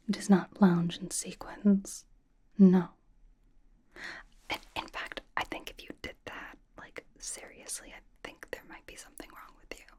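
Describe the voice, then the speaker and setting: In a mid-range breathy whisper, a woman plays a sassy, vain young K-pop star fussing over a fan in an ASMR roleplay. Her delivery is teasing and deadpan.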